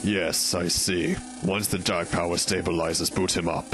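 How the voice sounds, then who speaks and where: A man's voice: low voice, little pitch movement, a little slow, over music, pitched below the performer's own voice. A man voicing a grave, commanding villain lord in a game, with a stately, pompous regal delivery. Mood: cold, commanding.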